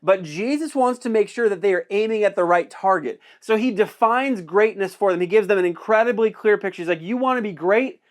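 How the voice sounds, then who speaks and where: High-voiced pastor preaching conversationally. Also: male voice, a little fast, few pauses. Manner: conversational, repeating key phrases for emphasis. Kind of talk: sermon.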